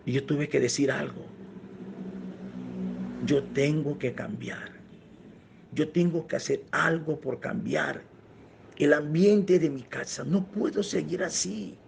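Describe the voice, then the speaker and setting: A male pastor preaching in an earnest, reflective way, drawing his listeners in with a personal story. His voice is slightly high and gravelly, and he speaks very slowly and deliberately. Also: slight background noise. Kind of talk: sermon storytelling.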